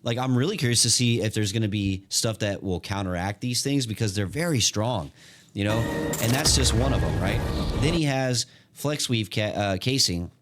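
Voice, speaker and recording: A man giving casual, excited gameplay commentary, full of slang, fillers and restarts. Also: fairly low pitch, normal speed, background noise. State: hiccuping. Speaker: gaming content creator.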